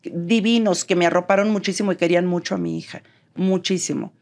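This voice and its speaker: A woman's voice: lowish voice, fairly quick, gravelly. A Mexican woman with a neutral accent, a guest in an interview, telling her story animatedly and acting out the dialogue. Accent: neutral Mexican Spanish. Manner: animated, acts out quoted dialogue.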